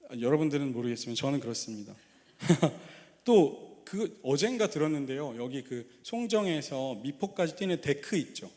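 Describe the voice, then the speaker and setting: Male pastor, sermon in a church sanctuary. Slightly raised pitch, relaxed and conversational, quick to laugh. Long reverb from the hall. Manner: conversational, fond of rhetorical questions to the congregation; laughs easily and tells light personal anecdotes.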